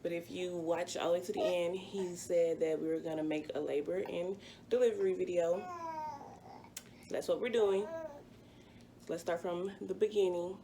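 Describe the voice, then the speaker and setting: A woman's voice: on the low side, moderate pace, warm tone, slight background noise. A woman in her twenties, a vlogger chatting through a personal story with plenty of fillers. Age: 20s. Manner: chatty, rambling, full of fillers. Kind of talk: casual storytime.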